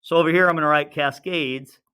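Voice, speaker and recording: His voice is a little high, steady, smooth, and a bit fast, with a bright, forceful tone. The male teacher gives an easygoing science lesson, illustrating as he explains, quizzing students, and chatting to himself while drawing.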